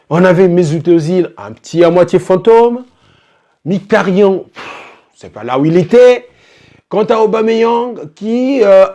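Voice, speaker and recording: A man with a somewhat high voice hosts a sports betting show and plays to the camera. He throws out rhetorical questions and jumps between loud, excited bursts and quiet, knowing asides. Now and then he slips into English greetings. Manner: theatrical, swings from loud exclamations to low asides; rhetorical questions, addresses viewers directly. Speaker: host of a football betting show.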